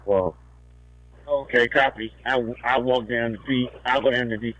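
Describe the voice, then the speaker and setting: A man's voice: mid-range voice, fairly even intonation, moderate pace, a bit bright, no echo. A man on police radio, calling unit numbers and checks in terse radio codes. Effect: police radio transmission. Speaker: police radio dispatcher or officer. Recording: tinny narrow-band police radio, dry.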